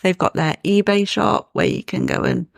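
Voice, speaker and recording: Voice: medium pitch, huge pitch swings, normal speed, vocal fry, dry recording, studio quality. A podcast co-host chatting casually about their show and music news, laughing often. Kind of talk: casual chat.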